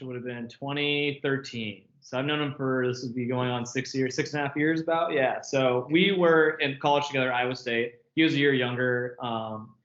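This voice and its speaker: A man's voice: medium pitch, a bit bright. Chatty man on echoey, muffled call audio. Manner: chatty, laughs often, many filler words. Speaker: interview guest. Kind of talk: casual interview chat.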